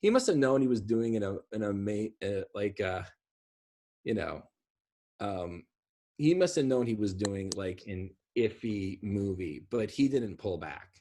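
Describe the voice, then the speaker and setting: His fairly low, dark-toned voice is expressive and a little slow. He's a man in his thirties rambling emphatically about films on a video call, sitting back from the computer in an indoor room at home.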